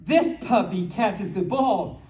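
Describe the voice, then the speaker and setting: In a small room at a convention, a playful storyteller reads picture books aloud to a small audience, ad-libbing excited asides with childlike, cutesy phrasing. The voice is medium-pitched and takes things slowly. It is recorded from far off in an echoey room with faint noise.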